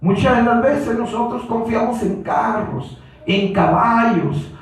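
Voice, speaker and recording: Male Pentecostal preacher, very high voice, slow fervent delivery, keeps repeating "brothers", booming church echo, off-mic. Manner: repeats "hermanos" constantly, rising to shouts. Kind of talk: Pentecostal sermon. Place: church hall. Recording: very echoey church from a distance.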